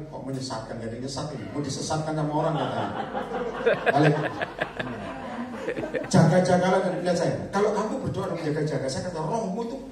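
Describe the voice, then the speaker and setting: A man preaching a lively sermon, joking the congregation and acting out the voices of the people in his stories. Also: on the high side, slight background noise. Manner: animated, jokes and asks the crowd to raise hands; acts out voices of disciples and believers. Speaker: evangelist preacher. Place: church or prayer meeting hall. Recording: echoey hall, recorded from far off.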